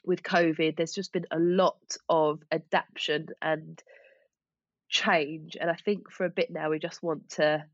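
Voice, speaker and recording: A woman's voice: deep voice, steady tone, a little slow, dry recording, dull audio. A woman with an Essex accent speaking as an interview guest in a chatty, informal, self-deprecating way. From Essex, England. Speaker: podcast guest, small business owner. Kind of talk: casual interview chat.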